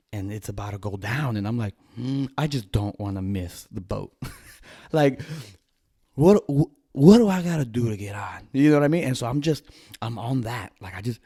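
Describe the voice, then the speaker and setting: A man in his thirties casually telling his viewers a story, animated, with gasps, restarts and trailing phrases. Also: fairly low pitch, breathy edge. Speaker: vlogger.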